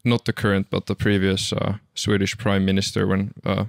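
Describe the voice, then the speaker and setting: A man speaking as a podcast guest, hesitant with many pauses and uhs. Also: deep voice, completely flat delivery, gravelly, dry recording, studio quality. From Finland. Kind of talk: casual conversation.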